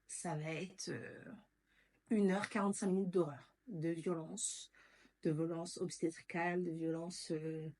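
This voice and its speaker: A woman's voice: fairly low pitch, steady tone, measured pace, a little mellow. A woman vlogger telling a personal story in a candid, casual way, blunt and emotional, with slang and swearing.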